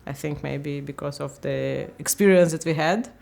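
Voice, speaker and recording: A woman in her fifties from Ukraine, speaking English, talks haltingly in a candid interview and often searches for words. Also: deep voice, vocal fry, a little mellow. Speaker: interviewee, language teacher.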